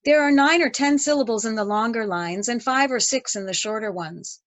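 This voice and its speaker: A woman teacher narrating a scripted lesson, reading verse aloud with a measured rhythm. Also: on the high side, no room sound.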